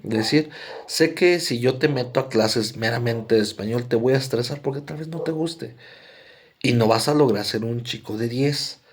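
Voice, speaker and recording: A man's voice: mid-range voice, normal speed. A man with a Mexican accent giving a conversational psychology lecture, often checking in with his listeners. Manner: conversational, frequent "¿no?" tags and fillers. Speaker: psychology presenter. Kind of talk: explanatory lecture.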